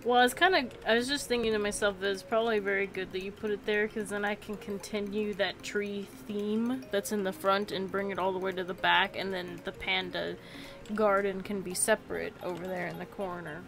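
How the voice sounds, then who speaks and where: A woman's voice: mid-range voice, steady tone, a little fast. A woman from the United States chatting casually as a live streamer while gaming. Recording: music playing behind the voice. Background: music.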